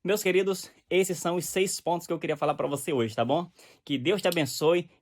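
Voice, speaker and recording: A man's voice: a little high, brisk. A man preaching in a direct, exhorting teaching style, often checking that the listener understands. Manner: direct, exhorting, often asks "você tá entendendo?".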